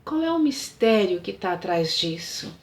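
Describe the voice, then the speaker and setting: A woman's voice: mid-range voice, big pitch swings, a little slow, darkish tone, echoey room. A woman voicing a tender, bewildered young woman in a retold story, asking pleading questions in a raised voice.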